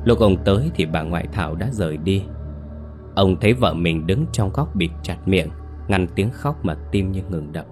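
A man narrating a dramatic story in a steady, measured reading. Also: low-pitched. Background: faint music.

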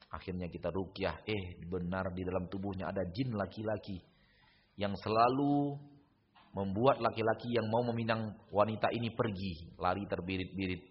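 A man, a religious teacher, telling an animated story in a lesson to students and rising at times to forceful exhortation. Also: low-pitched, dull audio, a little hiss or hum. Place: school, for a class of female students.

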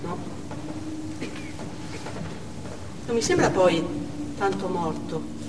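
Shaken, a woman survivor recounts a theatre hostage siege in a measured, dramatic first-person monologue on stage, her fairly low voice expressive, grim, and wry. A distant microphone picks her up in a noisy, echoey theatre hall.

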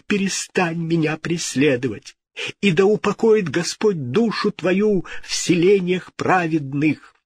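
A man voicing a frightened, excitable middle-aged king who pleads in a shrill voice and then barks commands. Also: measured pace, slightly rough, no echo, clean studio sound, exaggerated voice. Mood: terrified pleading. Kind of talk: audiobook character voice.

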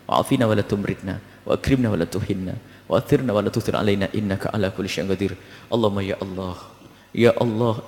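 A man's voice: fairly low pitch, creaky, a little mellow, big-room sound. A man preacher leading a closing prayer in a rhythmic, pleading way, ending each plea with a repeated invocation.

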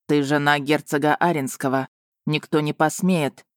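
A woman reading an audiobook, voicing a young male werewolf who moves from brash to fawning, with a slightly lower voice that slows when he is stunned. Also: fairly even intonation, no echo, clean studio sound, close to an everyday voice. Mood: assured.

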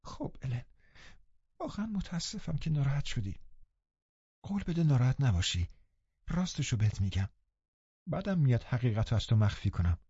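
A man voicing a young woman who pleads softly and apologizes, read in a storybook audiobook. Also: mid-range voice, sing-song, pauses often, slightly rough, no room sound, muffled recording, voice pushed up. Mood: pleading.

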